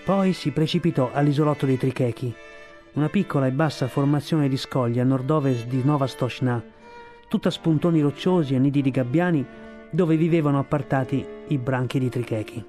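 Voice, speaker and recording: A man reads a storybook aloud for radio with steady, expressive pacing. His voice sits in the middle range, and soft music plays quietly underneath. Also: medium pitch, brisk. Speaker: reader. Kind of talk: radio audiobook reading.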